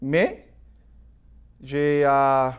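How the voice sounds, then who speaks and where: A man with a foreign accent in French, a non-native speaker giving a halting, apologetic campaign message in simple words. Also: mid-range voice, clean tone. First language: not French. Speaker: mayoral candidate.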